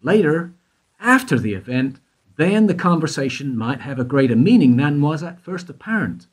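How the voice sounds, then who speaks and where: Here the male actor's voice is on the high side and slightly rough, with big pitch swings at a moderate pace. In this amateur radio play he portrays a probing investigator needling a guard who witnessed something.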